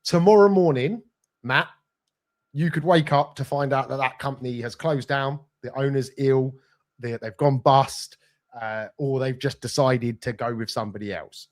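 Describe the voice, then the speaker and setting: A man's voice: mid-range voice, normal speed. Friendly, reassuring man. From United Kingdom. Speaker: podcast co-host. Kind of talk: live business Q&A.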